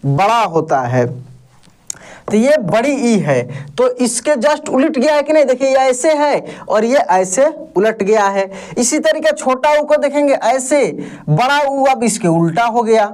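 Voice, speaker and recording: Teacher, slow pace, mid-pitched voice, repetitive sound drills, beginner lesson. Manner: asks the class questions and answers them itself. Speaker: Hindi reading teacher.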